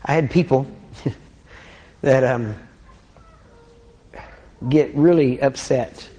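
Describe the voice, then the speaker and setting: A man with a Texan accent delivers an informal, conversational sermon, often checking in with "amen?" and clearing his throat frequently. His voice is warm and medium-pitched, and he speaks very slowly.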